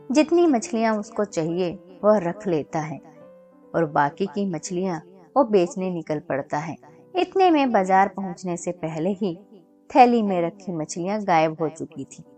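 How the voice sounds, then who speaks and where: A woman with a mid-pitched voice reads a children's moral story in a steady, scripted way. Her delivery stays even and measured from line to line.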